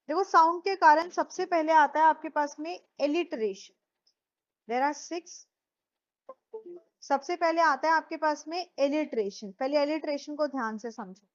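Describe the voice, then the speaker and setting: A woman whose first language is Hindi teaches a classroom lecture, frequently quizzing her students with repeated questions. Her voice sits high, and the sound is lo-fi.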